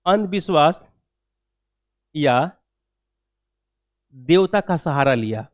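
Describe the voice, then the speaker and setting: A man with a fairly high voice and lively intonation takes his time as he gives a didactic history lecture for exam coaching. He dictates answer points, repeats key phrases and asks rhetorical check questions. The studio-quality recording has no echo.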